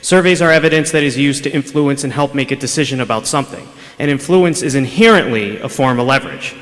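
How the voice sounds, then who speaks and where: Talking fast at medium pitch with a fairly bright tone, a man confronts the school board during public comment. His words travel from a podium microphone through the public address system, echoing around the city meeting chamber.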